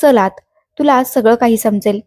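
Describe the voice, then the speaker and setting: A cruel, cunning middle-aged stepfather with a harsh edge, read by a woman storyteller. The voice comes out fairly high and mellow. It is recorded close and dry. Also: normal speed, no room sound, close to an everyday voice. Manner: harsh, scheming.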